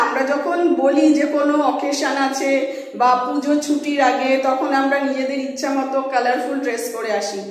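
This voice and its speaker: A woman teacher with a high voice gives a patient classroom lesson, spelling each word letter by letter. The room is very echoey, with a long reverb trailing after her.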